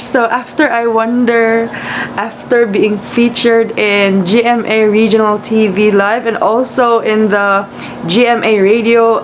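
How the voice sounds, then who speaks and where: A woman from the Philippines with a Cebuano Filipino accent, just woken up, chatting casually and rambling as she vlogs, switching between English and Cebuano. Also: mid-range voice. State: just woke up. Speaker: vlogger. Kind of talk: casual vlog chat. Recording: clearly noisy room, air-conditioner-like hum.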